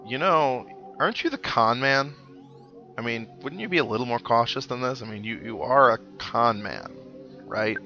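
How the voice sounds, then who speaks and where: A man with a medium-pitched, lively voice talks at a moderate pace, offering wry, rambling musings as he plays a video game for his let's play series. His dull lo-fi mic sits beneath loud game music.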